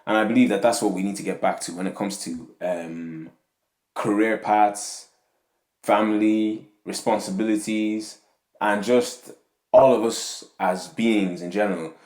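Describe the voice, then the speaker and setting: A young Nigerian man speaks in a deep, steady, darkish voice, a little slow, in an echoey room. As a podcast host he gives a rambling, casual monologue on faith and community, tagging lines with "yeah?" and "you know what I'm saying".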